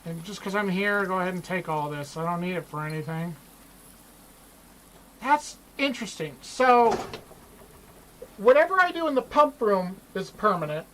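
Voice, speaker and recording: A woman's voice: fairly low pitch, expressive, moderate pace, pauses often, fairly bright tone, a little hiss or hum, rough recording. A woman giving casual commentary as she streams a game.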